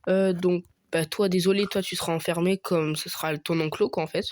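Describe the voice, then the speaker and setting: A man's voice: sits high, steady tone, fairly quick, dry recording, studio quality. A young man giving casual commentary over his own gameplay, thinking aloud with many hesitations and fillers. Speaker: gaming youtuber.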